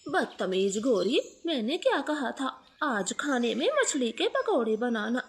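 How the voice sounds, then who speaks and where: A woman's voice: a little high, sing-song, a little slow, slight background noise. A woman voicing a scolding old female sparrow mother-in-law in a storybook cartoon, speaking in a harsh, taunting tone.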